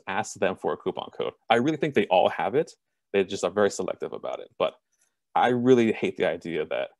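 Low, dry-voiced man presenting admissions info. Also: no room sound. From Southern California. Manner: self-described monotone, plain and direct. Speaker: college admissions representative. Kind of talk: online information session presentation. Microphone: video call.

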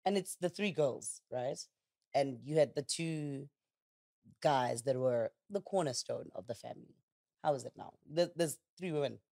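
Woman interviewer, South African accent, low voice, lively intonation, casual talk. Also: a little slow, creaky. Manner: warm prompting questions, teasing. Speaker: interview host.

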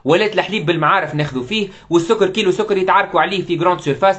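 A man's voice: sits high, racing, fairly bright tone. A man with a Tunisian Arabic accent giving an impassioned live political commentary, firing off rhetorical questions and mixing in French words.

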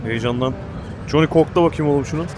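A man giving excited, panicky commentary while playing a game, swearing and shouting at it. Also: on the high side, normal speed, noisy background. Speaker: gaming YouTuber. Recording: game music playing behind.

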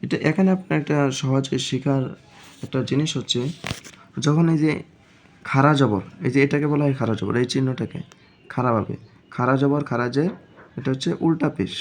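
A man leads an online reading lesson at a steady, unhurried pace. He talks in a middle pitch and explains patiently, going back over each point until it sticks. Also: slight background noise. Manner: slow, patient explaining with frequent repetition. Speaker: Quran reading teacher.

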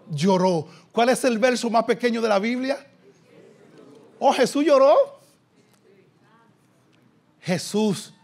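High-voiced man preaching with fervor. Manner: impassioned preaching, swinging from loud shouts to low hushed lines; slow, drawn-out reading of quoted scripture. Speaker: pastor. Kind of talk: sermon.

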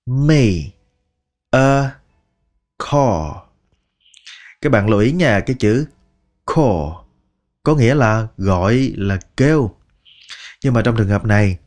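A man with a Vietnamese accent teaching English phrases, slowly repeating each word one at a time. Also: on the low side. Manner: slow, patient, repeats words one by one. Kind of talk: language lesson narration.

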